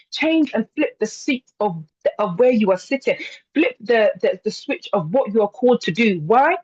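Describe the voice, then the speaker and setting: A woman's voice: fairly high pitch, a little mellow, dry recording, muffled recording. A young woman giving an emphatic motivational speech to a group of women, with repetition and rhetorical questions. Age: young adult. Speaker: motivational speaker.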